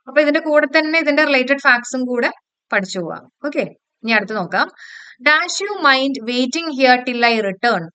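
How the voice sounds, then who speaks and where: A woman teacher giving an online exam-prep lesson, walking through grammar questions. She quizzes her listeners, checks that they follow and repeats key rules slowly to drill them in. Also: a little high, pushed and bright, clear, resonant tone, no echo. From Kerala, India.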